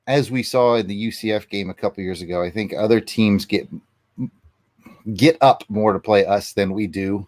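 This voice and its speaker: A man co-hosting a casual sports show, talking as a passionate fan in an emphatic, deliberate way with drawn-out stresses. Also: fairly low pitch, no echo, studio quality. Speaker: sports podcast co-host. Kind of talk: casual fan talk and ranting about college football.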